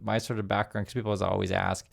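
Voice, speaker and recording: A man in his fifties, Vietnamese-born and US-raised, talks fast in a gravelly, fairly low voice with a level tone. In his casual news commentary vlog he reads articles aloud, breaks off to comment, and fills the gaps with plenty of "uh"s and restarts.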